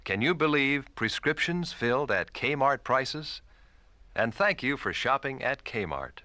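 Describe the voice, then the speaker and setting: A man's voice: medium pitch, big pitch swings, slow pace, pushed and bright, no echo. A man reading a friendly, salesy in-store supermarket announcement as the store announcer.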